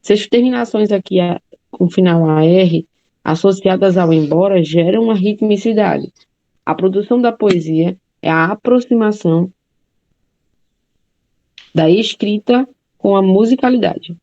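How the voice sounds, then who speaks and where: A woman's voice: medium pitch, unhurried, warm tone, lo-fi sound. A woman teacher giving a classroom lecture, explaining step by step and often checking in with her students.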